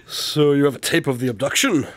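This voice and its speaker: An actor playing a shrewd, inquisitive consulting detective in a radio drama, with a measured manner. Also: male voice, mid-range voice, no echo, lightly acted. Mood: probing.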